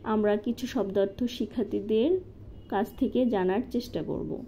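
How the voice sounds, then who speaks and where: A woman calmly walking through a lesson plan step by step, as a teacher-training instructor. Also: medium pitch, moderate pace. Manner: methodical, step-by-step with occasional fillers. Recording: slightly dull lo-fi recording with faint noise.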